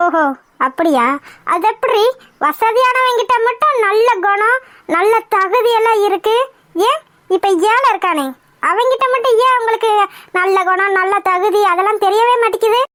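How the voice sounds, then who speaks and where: A sneering, haughty mother-in-law from a cartoon mocks in a sharp, very high register, performed by a woman. The sound is close and dry. Every line drips with contempt. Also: moderate pace, dry recording. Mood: scornful. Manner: taunting, sneering, mocking. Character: haughty scornful middle-aged mother-in-law. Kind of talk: cartoon voice acting.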